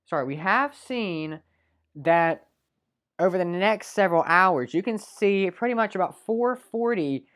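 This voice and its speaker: A woman's voice: fairly low pitch, animated, a little slow. A woman presenting a live weather segment in a small local TV studio, talking off the cuff with many fillers and self-corrections.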